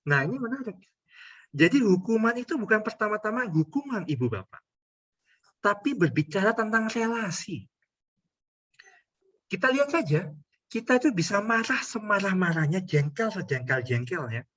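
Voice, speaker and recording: Husky, lively-voiced priest preaching. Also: male voice, high voice, moderate pace, long pauses, dull audio. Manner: conversational, anecdotal and humorous, often addressing listeners directly. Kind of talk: homily to a congregation.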